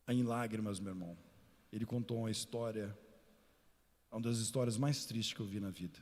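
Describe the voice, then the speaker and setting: A man with a Brazilian Portuguese accent, a pastor preaching a sermon through a lively personal story. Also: on the low side, fairly quick. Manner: animated, addresses listeners as "meu irmão". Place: church. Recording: reverberant church hall.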